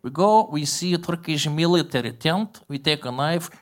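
A man putting on a gruff Bulgarian bagpipe maker. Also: fairly high pitch, animated, pitched above the performer's own voice, natural voice. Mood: boastful. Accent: Bulgarian-accented broken English. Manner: blunt, menacing, halting.

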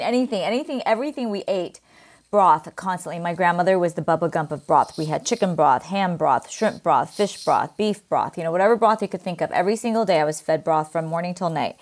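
A middle-aged woman with a Californian Valley girl accent, chatting casually and emphatically as an interview guest. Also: on the low side. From California, United States. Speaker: podcast guest, skincare brand founder. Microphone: video call.

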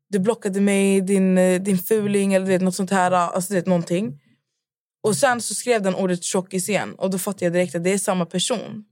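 Young woman, podcast co-host, lively storyteller who plays both parts; dry close sound. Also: medium pitch, dry recording. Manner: animated storyteller, acts out both sides of chats. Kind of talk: casual chat.

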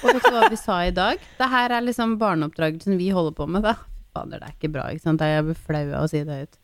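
A woman in her thirties chatting casually as a podcast co-host, telling stories animatedly and mimicking her child. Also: no echo. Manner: animated storyteller, acts out her child's pleading in a high voice. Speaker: podcast co-host, mother of a young girl. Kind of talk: casual chat.

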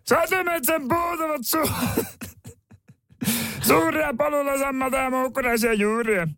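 A man doing a loud, rough gas station attendant voice, high and shouted, with crude cursing and small-talk. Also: steady tone, dry recording, clean studio sound, heavily acted. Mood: rowdy.

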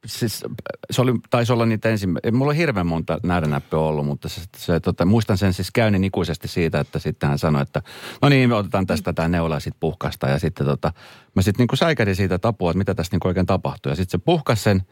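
A man's voice: sits low, animated, a little mellow, no echo. A man in his forties co-hosting a casual radio chat, telling stories with many fillers and easy laughs. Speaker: radio host.

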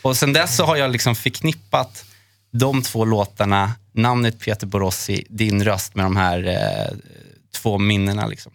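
A man hosting a podcast, telling a personal memory in an earnest, halting way with many fillers. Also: fairly low pitch, expressive, gravelly, dry recording. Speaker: podcast host. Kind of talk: personal storytelling in a chat.

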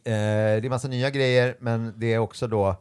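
Young male comedian guest, casual anecdotes, animated quoting, mid pitch. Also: clean tone. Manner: animated, acts out quoted voices. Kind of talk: casual storytelling chat.

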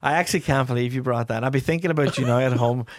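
A man's voice: mid-range voice, very fast, no room sound, studio quality. A middle-aged man with a Donegal accent, chatting casually as a podcast co-host with a wry, slangy, teasing manner. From Donegal, Ireland. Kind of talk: casual banter.

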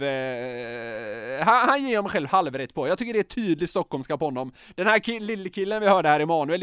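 A young man with a Swedish accent co-hosts a casual podcast. His voice sits high and swoops widely as he argues his point, emphatic and quick to laugh. The sound is close and dry. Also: clean tone, no echo. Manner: animated, emphatic, laughs often. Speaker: podcast co-host.

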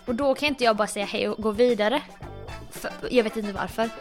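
A woman telling a story in casual chat, animated and self-mocking, laughing often. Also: fairly high pitch, soft background music.

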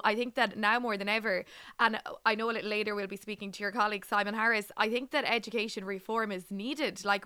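A woman's voice: medium pitch, bright, forceful tone, smooth, no echo, clean studio sound. A woman with an Irish accent presenting and interviewing as the host of a radio show.

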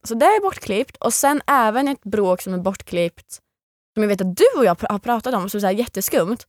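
In clean studio sound with no room sound, a young female guest in an interview, who used to be on a reality show, animatedly recounts a story in her mid-range voice. She performs the quoted lines of other people as she goes.

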